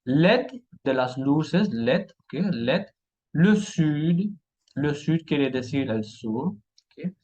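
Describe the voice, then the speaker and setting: A man's voice: on the high side, darkish tone, muffled recording. A man teaching a language lesson, patiently repeating each French word and checking in with listeners after each example. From French-speaking Europe.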